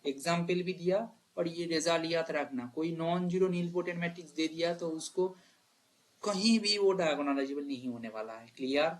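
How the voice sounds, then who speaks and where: Math teacher talking students through problems. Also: male voice, fairly high pitch. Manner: talks to students directly, "bhai" and "clear?", thinks aloud and corrects himself. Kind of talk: exam problem walkthrough lesson.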